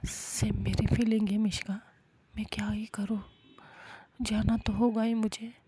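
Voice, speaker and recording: A woman's voice: medium pitch, flat delivery, measured pace, background noise, natural voice. A woman whispering the lines of a pleading young woman in a storybook role-play. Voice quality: breathy whisper.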